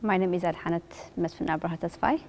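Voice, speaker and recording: A woman's voice: fairly low pitch, quick pace, a little mellow, slight background noise. A woman, a resettled refugee speaking earnestly in simple phrasing in a documentary interview. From Eritrea.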